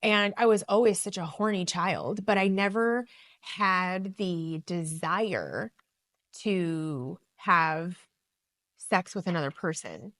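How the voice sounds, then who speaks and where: A middle-aged woman co-hosting a podcast, telling stories in a blunt, profane, animated way. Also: lowish voice, takes it slowly, dry recording. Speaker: podcast co-host. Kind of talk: casual chat.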